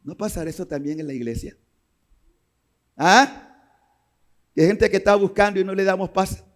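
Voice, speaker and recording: A man preaching a sermon as a priest, swinging from quiet asides to impassioned shouts. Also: moderate pace. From Panama. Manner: impassioned, rising to shouts and dropping low.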